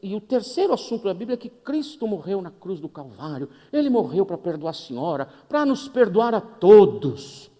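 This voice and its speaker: A man's voice: high voice, sing-song, brisk, hardly any pauses, warm tone. A man from Brazil with a Brazilian Portuguese accent, preaching in a humorous, conversational way as he acts out the dialogue of a story. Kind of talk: sermon with storytelling. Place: church hall. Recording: long reverb of a church hall.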